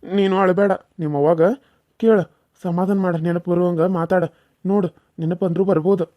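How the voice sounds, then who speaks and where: A man's voice: high-pitched, fairly even intonation, no room sound, highs cut off, natural voice. A man voicing a stern but comforting village uncle with a North Karnataka Kannada accent. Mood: reassuring. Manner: fast, firm reassurance.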